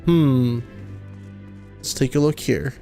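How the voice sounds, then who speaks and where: A man's voice: medium pitch, slow, warm tone, faint music behind. A man streaming a game, reading its dialogue aloud, tripping over fantasy names and laughing often.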